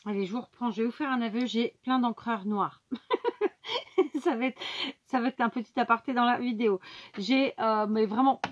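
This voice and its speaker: A woman's voice: on the high side, fairly even intonation, brisk. A woman hosting a casual craft tutorial, explaining each step to her viewers with many fillers and asides. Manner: talks directly to viewers.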